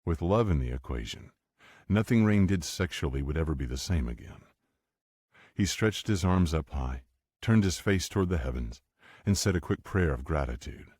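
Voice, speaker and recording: A man reading an audiobook romance in a steady, unhurried narration. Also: a bass voice, husky, dry recording, clean studio sound. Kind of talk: scripted narration.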